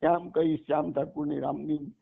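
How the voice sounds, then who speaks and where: A man tells a devotional story to his listeners at a satsang. His voice sits a little high and stays lively, and he breaks in to explain what he has just told. The sound is thin and phone-like. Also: moderate pace, vocal fry. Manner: lively retelling, steps in to explain lines. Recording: tinny phone-like line.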